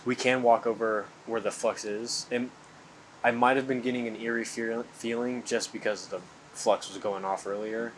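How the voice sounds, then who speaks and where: A man's voice: mid-range voice, little pitch movement, normal speed, slight background noise, rough recording. A young man talking casually and slangily while ghost hunting, calling out to spirits as he vlogs. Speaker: paranormal investigator. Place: indoors in a large old house.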